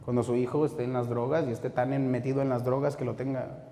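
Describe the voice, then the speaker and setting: A man preaching a sermon as pastor, impassioned, swinging between shouted rebukes and low, intense warnings. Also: little pitch movement, quick pace, a little hiss or hum. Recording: echoey hall with long reverb.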